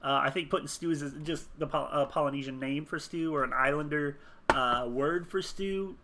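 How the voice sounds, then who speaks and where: A man's voice: on the high side, moderate pace, noisy background. A man thinking aloud as he builds a game character, rambling, muttering and chuckling at his own jokes while he types. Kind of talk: casual thinking aloud while searching online.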